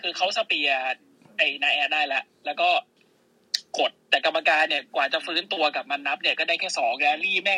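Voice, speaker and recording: A man co-hosting a podcast, recapping matches in casual, excitable, swear-filled play-by-play. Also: a little high, slightly rough, dry recording, poor audio. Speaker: podcast co-host.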